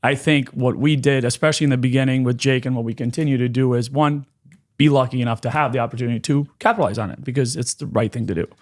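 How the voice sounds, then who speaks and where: A man co-hosting a podcast, telling animated business stories with quick restarts. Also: mid-range voice. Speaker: podcast co-host. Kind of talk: casual podcast chat, storytelling.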